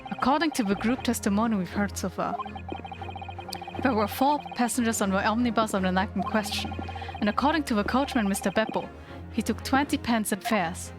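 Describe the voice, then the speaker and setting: An earnest young male lawyer read aloud by a woman, formal and insistent, in a fairly high voice. Video game music runs clearly underneath. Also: lightly acted. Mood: pointed. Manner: formal, deliberate. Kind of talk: amateur voice acting of game dialogue.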